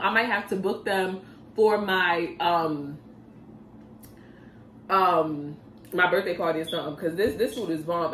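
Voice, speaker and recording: A woman's voice: medium pitch, slight background noise. A woman vlogger chatting casually in slang while eating, talking between bites at home. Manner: laid-back and slangy, talks between bites. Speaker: mukbang vlogger. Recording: echoey room from a distance.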